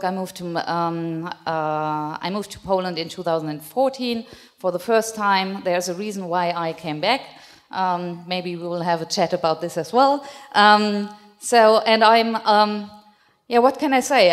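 A woman in her forties from Germany, speaking English with a German accent, introducing herself on a panel with frequent ums. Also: medium pitch. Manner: halting, many ums. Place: conference hall with audience. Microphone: handheld microphone. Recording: long reverb in a conference hall.

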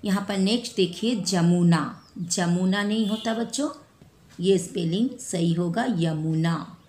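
A woman teaching a spelling lesson to children, repeating each word slowly and correcting mistakes one by one. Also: on the low side, a little mellow. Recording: echoey room with faint ambient noise.

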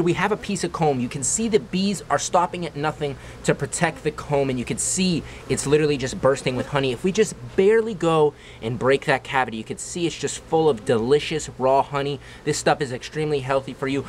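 A young man hosting a vlog outdoors beside beehives, talking excitedly and emphatically to camera in a casual style. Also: fairly high pitch. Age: young adult. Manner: exclaiming, emphatic, repeats superlatives. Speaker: vlog host. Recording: noisy outdoor camera audio.

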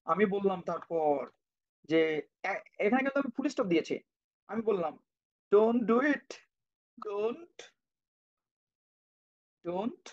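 A man teaching English grammar to children in an online class, patiently repeating, spelling words out and checking on students by name. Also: high voice. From Bangladesh. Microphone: cheap computer microphone. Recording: dull lo-fi online-class audio.

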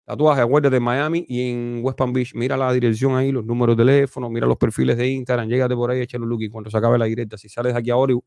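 A man with a Cuban accent hosting a casual commentary livestream, animated and talkative, swinging between loud exclamations and low mutters. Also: rapid-fire, creaky, hardly any pauses, dry recording. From Cuba. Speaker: host.

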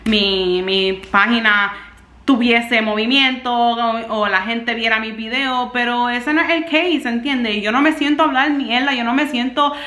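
A woman's voice: a little high, measured pace, bright, forceful tone, echoey room. A young woman with a Puerto Rican accent, talking frankly and ramblingly to camera in a casual vlog. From Puerto Rico. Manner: frank, rambling, emotional venting. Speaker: vlogger and content creator. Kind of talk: candid casual vlog talk.

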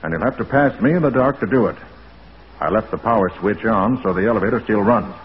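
An actor playing a quick-witted, assured American private detective in an old-time radio drama, brisk and cool under threat. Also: male voice, on the low side, close to an everyday voice. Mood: determined. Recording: muffled, hissy old radio recording.

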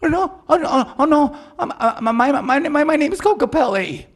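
A man voicing a tiny, timid young man who stammers in a high, frantic voice. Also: expressive, a little slow, a bit bright. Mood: panicky.

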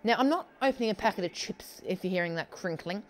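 A young gamer talks through a football match as he plays, reacting out loud to every near miss and goal. The pitch sits in an ordinary middle range, and the delivery jumps between muttered asides and sudden exclamations, picked up close on a headset. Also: fast talker, a little hiss or hum. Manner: excitable, talks to himself while playing, frequent exclamations. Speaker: gaming channel host. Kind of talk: live gameplay commentary. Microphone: headset headphones.

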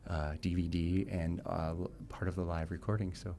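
A man's voice: low voice, flat delivery, moderate pace, warm tone, slight background noise. A man being interviewed before his show, chatty and self-deprecating, laughing often and at times getting choked up. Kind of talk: candid pre-show interview. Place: club venue before a show.

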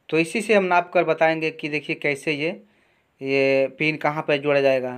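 A man teaching electronics repair, explaining each wiring step slowly and with a lot of repetition at his workbench. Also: a little high, clean tone. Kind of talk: hands-on repair tutorial.

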